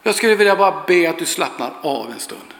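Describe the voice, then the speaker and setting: A fervent male preacher with a high, bright voice leads a prayer and tells a story in an earnest, chatty way. His voice rings through a large church hall with a long, echoing reverb. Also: animated, gravelly.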